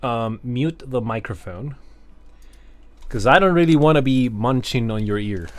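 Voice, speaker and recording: A man's voice: medium pitch, lively intonation, measured pace. A man streaming a video game, chatting casually and loosely with his chat, swearing freely and laughing at himself.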